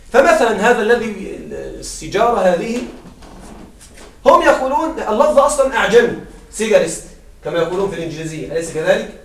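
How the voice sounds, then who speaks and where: High-voiced teacher in an echoey classroom. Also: male voice. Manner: questioning students, repeats and restarts. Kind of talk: classroom grammar lesson. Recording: roomy classroom sound from far off.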